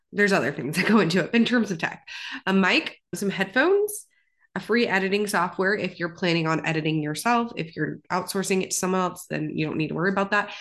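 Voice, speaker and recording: Congested woman hosting an upbeat podcast. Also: on the low side. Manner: upbeat, chatty, lots of "like". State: congested sick voice. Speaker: podcast host. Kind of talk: casual solo podcast talk.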